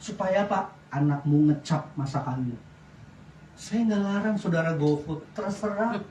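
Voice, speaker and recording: A middle-aged man preaching a sermon as pastor, lively, often asking the congregation questions. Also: on the high side, measured pace, a little hiss or hum. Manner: lively preaching with wide swings in loudness, asks the congregation questions. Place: church. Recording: echoey church sound from a distance.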